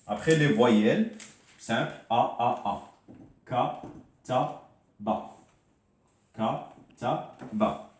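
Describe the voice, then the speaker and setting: A man's voice: medium pitch, a little mellow, far from the mic. Hesitant man teaching in an echoey room. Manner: hesitant, repeats words, spells sounds out slowly. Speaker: Arabic teacher. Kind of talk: informal spoken lesson at a board.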